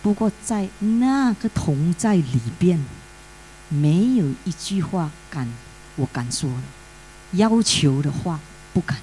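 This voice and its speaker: A woman's voice: lowish voice, animated, slow pace, dark tone, rough recording. A woman giving an emotional church testimony in Mandarin mixed with English words, with many hesitant fillers. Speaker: pastor's widow giving testimony. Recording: faint mains hum.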